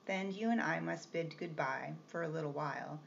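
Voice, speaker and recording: A woman reading the part of a brusque, teasing gentleman employer with a gruff, commanding manner. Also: on the high side, moderate pace. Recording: slightly muffled with faint hiss.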